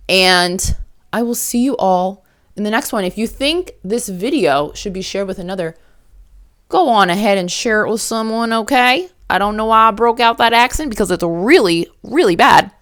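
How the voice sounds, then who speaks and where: A young adult woman talking to camera in a casual, reflective monologue, earnest and motivational, with slow pauses on heavy points. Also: mid-range voice, fairly bright tone. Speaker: vlogger.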